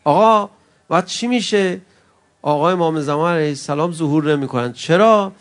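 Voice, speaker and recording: During a mourning gathering, a man with a fairly high-pitched voice preaches an emotional religious sermon. His delivery alternates between loud, impassioned cries and soft, intimate words, and he calls his listeners friends.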